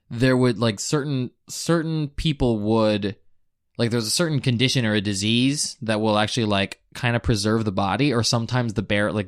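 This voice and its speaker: A man's voice: lowish voice, dry recording, clean studio sound. A man hosting a casual podcast, explaining things in an informal way with lots of "like" thrown in. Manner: explanatory, peppers talk with "like". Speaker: podcast host.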